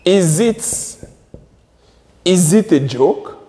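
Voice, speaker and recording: Slow-talking man teaching at a board. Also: sits high, lively intonation, dark tone, long reverb tail. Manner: drills words by repeating them slowly. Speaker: English teacher. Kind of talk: slow classroom explanation at a board.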